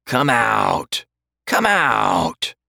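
A croaking, ravenous undead creature, put on by a man reading a storybook. It speaks in short, savage bursts, with a sound set apart from the reader's everyday voice. The delivery is slow and drawn out. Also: fairly low pitch, huge pitch swings, pushed and bright, no room sound, clean studio sound, full character voice. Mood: menacing.

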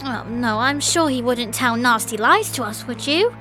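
Picture an eerie little girl in an audiobook, as a man puts her on, her voice pitched very high and swooping all over as she sings out her words. She drags each line out slowly, and soft music plays behind her. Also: lively intonation. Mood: eerie sing-song. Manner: sing-song, childlike, eerie. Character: creepy little girl with a doll.

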